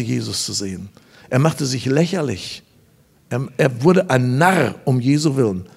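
Emphatic revival preacher, a man. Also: medium pitch. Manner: emphatic storytelling with sudden loud bursts. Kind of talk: revival sermon. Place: church service before a congregation.

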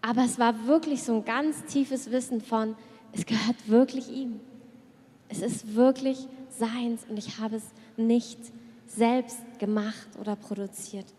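A woman pastor preaching an earnest sermon, dropping to a hush at prayerful moments. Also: fairly high pitch, steady tone, unhurried. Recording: long reverb of a church hall.

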